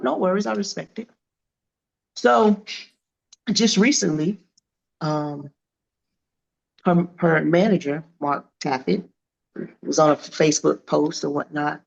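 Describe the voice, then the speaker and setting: A woman in her fifties, a boxer being interviewed, telling stories in a lively, animated way and acting out what people said. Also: low-pitched, slow pace, creaky, pauses often, muffled recording. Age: 50s. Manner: animated, acts out quoted dialogue. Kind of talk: casual interview storytelling.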